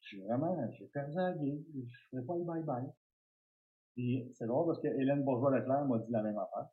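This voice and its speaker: A man with a Québécois accent telling an animated, self-mocking story full of fillers and restarts. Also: medium pitch, moderate pace, phone-quality sound. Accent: Québécois French. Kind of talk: casual storytelling.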